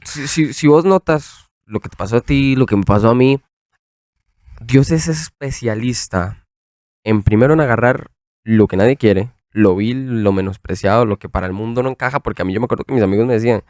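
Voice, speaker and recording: Relaxed young man sharing his faith. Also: medium pitch, brisk, no room sound, clean studio sound. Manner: joking, relaxed reflective. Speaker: podcast co-host. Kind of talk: casual faith chat.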